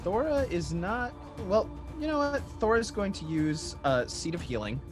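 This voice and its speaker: A man's voice: high-pitched, big pitch swings, normal speed. A man playing a tabletop game, chatting casually and hesitantly as he thinks his moves through aloud. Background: music.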